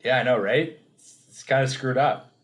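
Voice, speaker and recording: A man's voice: medium pitch, normal speed. A man in his thirties co-hosting a podcast in casual chat, hesitant, with fillers and repeated words. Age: 30s. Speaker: podcast co-host.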